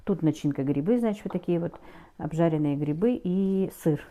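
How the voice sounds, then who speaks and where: A middle-aged woman chatting casually in a home cooking vlog, speaking haltingly and often correcting herself as she goes. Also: lowish voice, noisy background. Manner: halting, with hesitant self-corrections. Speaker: home cook taking food orders, vlogger.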